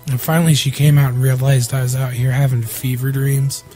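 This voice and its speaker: A man's voice: medium pitch, flat delivery, fairly quick, warm tone. Young man, sick, strained voice, rambling, swears a lot, casual chat, faint background music. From Iowa. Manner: profane, rambling storytelling. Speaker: podcast co-host.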